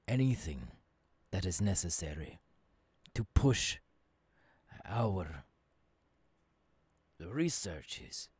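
An earnest futurist professor, acted by a man, guides an apprentice in an intimate ASMR roleplay. His husky voice moves slowly in halting phrases and swings widely between hushed lows and emphatic rises. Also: no room sound, exaggerated voice. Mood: reassuring, fervent. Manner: slow, deliberate, halting phrases dropping into whispers. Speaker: voice actor. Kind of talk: ASMR audio roleplay, intimate second-person monologue. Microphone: close microphone, dry.

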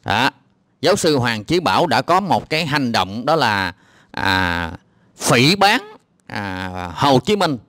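A man's voice: medium pitch, sing-song, takes it slowly, fairly bright tone, no room sound, clean studio sound. A man with a Southern Vietnamese accent giving exasperated, mocking reaction commentary on a clip, with lots of hesitant filler sounds. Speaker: video commentator.

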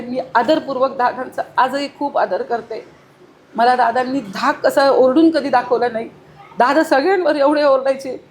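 A woman's voice: high-pitched, slight background noise. A middle-aged woman, a former mayor, giving earnest, emphatic interview answers full of long lists of detail.

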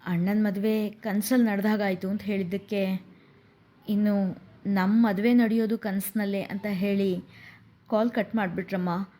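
A woman's voice: medium pitch, level tone, normal speed, pauses often, mellow, natural voice. A woman narrator gives voice to a heartbroken young woman in a spoken story. She speaks through tears to her mother. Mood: tearful. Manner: tearful.

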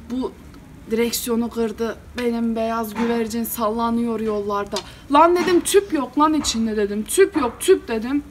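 Exasperated village headman played by a woman, solo storytelling, animated, higher voice. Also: a little hiss or hum. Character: exasperated male village headman, hot-tempered. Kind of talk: solo storytelling performance, meddah style.

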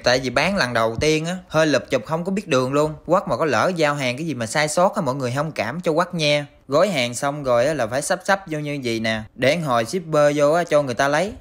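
A man's voice: on the high side, fairly bright tone. A young man with a Mekong Delta accent, chatting casually and playfully to viewers while he cooks. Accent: Mekong Delta Vietnamese. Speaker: cooking vlogger. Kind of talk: casual cooking chat to viewers.

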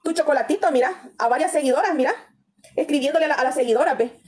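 A woman's voice: high voice, fast talker, darkish tone. A woman with a Salvadoran accent ranting bluntly and with lots of swearing in a livestream gossip commentary, talking straight to her viewers. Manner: addresses viewers directly with tag questions. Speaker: TikTok livestreamer.

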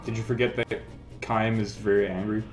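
A man's voice: fairly low pitch, level tone, normal speed. A young man hosting a game let's play, chatting casually and swearing a lot. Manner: laid-back, swears a lot. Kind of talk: casual gameplay commentary. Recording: roomy, loud game music behind. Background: game music.

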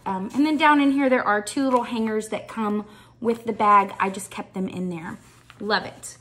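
A woman chatting through a show-and-tell vlog as she packs a gift box, enthusiastic and full of ums. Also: on the high side. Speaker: shoebox packing vlogger.

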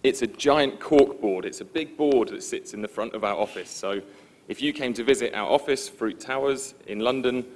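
A man giving a conference presentation in a relaxed, informal, self-deprecating way, with frequent ums. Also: medium pitch, moderate pace. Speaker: conference speaker. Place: conference stage before an audience.

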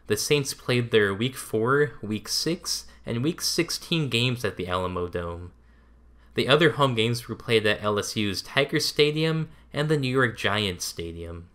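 A man reading scripted documentary narration in an even, measured way. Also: mid-range voice.

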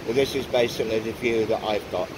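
Older man, loud wind on mic. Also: lowish voice, fairly even intonation, quick pace. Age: older, around 50s to 60s. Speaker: angler vlogger. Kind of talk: casual outdoor fishing vlog. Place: outdoors on a windy seaside pier. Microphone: handheld or tripod-mounted phone. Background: wind and sea noise.

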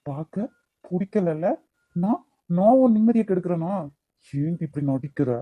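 A man's voice: high voice, lively intonation, no room sound, narrow, tinny audio. A man voicing a hot-tempered young man in a cartoon love story, pleading with the woman he loves, with a Kanyakumari Tamil accent. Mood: angry. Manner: pleading, quick to anger. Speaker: voice actor.

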